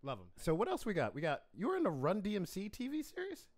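Brief: male host in his 30s, animated pitch, teasing, laughs a lot. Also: fast talker. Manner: joking, teasing, laughs often. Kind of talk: casual interview banter.

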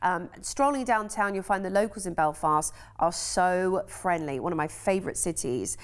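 An English woman with a slightly low voice hosts a TV shopping segment. She talks in a chatty, enthusiastic way and fills her pauses with ums, recorded on a studio mic. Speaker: cruise sales presenter. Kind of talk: TV shopping channel presenting.

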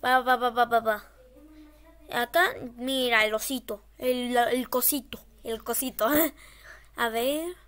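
A woman's voice: a little high, fairly even intonation, slow, a bit bright. A woman horror game streamer giving casual, scared gameplay commentary, nervously repeating short phrases.

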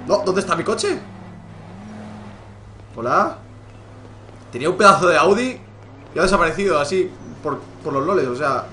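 Excitable young Spaniard streaming a game. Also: male voice, fairly high pitch, moderate pace, pauses often, a little hiss or hum. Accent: Spain Spanish. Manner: excitable, joking, swearing freely. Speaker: gaming streamer. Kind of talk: live gameplay commentary.

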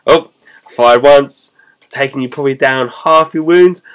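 A rowdy, brutish orc warrior barking gleeful threats in a gruff voice, as a man puts him on. The voice sits a little higher and louder than normal talk and growls through its war cries. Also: unhurried, natural voice.

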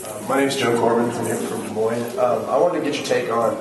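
Brief: male audience questioner, flat hesitant delivery, handheld mic in a very echoey hall. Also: medium pitch, fast, distant mic. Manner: hesitant, fillers. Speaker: audience member asking a question. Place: large hotel meeting room. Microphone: handheld microphone. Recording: echoey hall, crowd noise.

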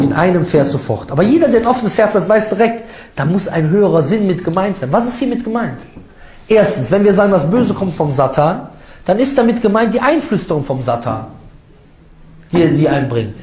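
High-voiced man lecturing in an echoey room. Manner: lively and mocking, with ironic asides and quick laughs. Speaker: Islamic preacher. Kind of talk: informal religious lecture rebutting critics.

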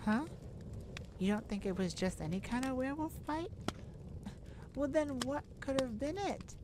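In an ASMR audio roleplay, a woman with a high voice plays a nervous, caring young mage rescuing a friend, speaking hesitantly and tenderly at normal speed. She sounds concerned and gently teasing, lightly acted, over a noisy background.

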